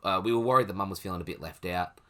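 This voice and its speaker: Laid-back young man, bright voice. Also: low-pitched, racing. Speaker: podcast co-host. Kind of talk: casual chat.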